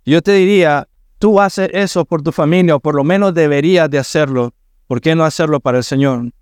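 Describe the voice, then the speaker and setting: A man's voice: on the high side, brisk, darkish tone, clean tone, dry recording, studio quality. A middle-aged man preaching a sermon in church, earnest and building to emphatic points about the law and forgiveness. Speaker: pastor.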